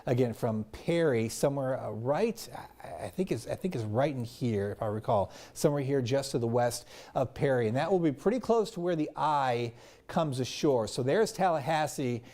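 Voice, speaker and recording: A man's voice: medium pitch, lively intonation, normal speed, darkish tone. A man presenting live weather commentary, explaining things step by step in an unscripted way.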